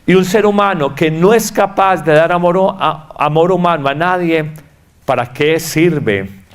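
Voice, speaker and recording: Predicador paisa de voz algo aguda. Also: male voice, a little high, unhurried, smooth. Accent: Colombian Paisa (Antioquia). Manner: emphatic and repetitive, acting out quoted voices. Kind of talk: sermon.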